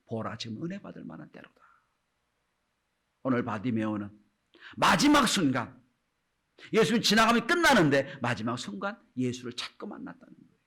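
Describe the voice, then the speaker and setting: A man preaching a sermon to his congregation as pastor, often turning to address them, his delivery swinging between loud calls and hushed whispers. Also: medium pitch.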